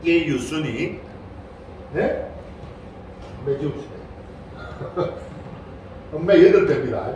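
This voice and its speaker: Older monk lecturing in an echoey hall. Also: male voice, fairly high pitch, animated, slow pace, long pauses, a little mellow, a little hiss or hum. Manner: keeps prompting listeners with a questioning "eh?", playful, imitates a cow's moo. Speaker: Buddhist monk lecturing on a sutra. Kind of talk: Dharma lecture to a congregation. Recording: very echoey hall, voice far from the mic.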